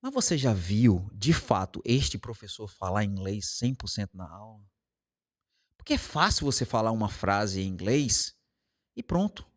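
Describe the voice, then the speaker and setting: A man's voice: on the low side, big pitch swings, a little slow. A Brazilian man who teaches English, talking casually and explaining his method with everyday examples. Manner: explains with everyday examples and acted quotes, varying pace. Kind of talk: casual monologue to camera.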